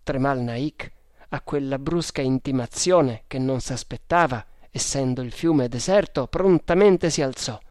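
A man reading an adventure story aloud in a measured, dramatic way. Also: mid-range voice, darkish tone, no echo, studio quality. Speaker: narrator. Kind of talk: audiobook narration.

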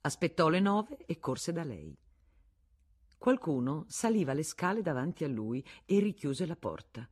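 A man narrating a novel as an audiobook, with measured literary reading. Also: fairly high pitch, sing-song, slightly rough.

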